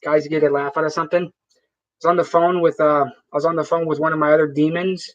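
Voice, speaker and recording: A man with a notably high-pitched voice chats casually to his live-stream viewers. He rambles, swears freely and often restarts his sentences. The sound is dull and lo-fi. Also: flat delivery, quick pace, fairly bright tone. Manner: rambling, profane, with frequent restarts.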